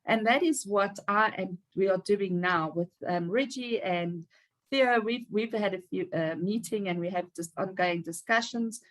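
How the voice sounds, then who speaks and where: A woman's voice: mid-range voice, unhurried. A woman, giving an upbeat, emphatic motivational talk as a team leader on a video call. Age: 50s.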